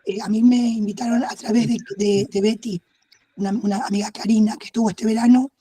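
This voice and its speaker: A hoarse woman from Neuquén, a history teacher, introducing herself haltingly on a video call. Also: on the high side, fairly even intonation, mellow. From Neuquén, Argentina. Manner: hesitant, many fillers and restarts. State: hoarse, losing her voice. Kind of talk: casual self-introduction.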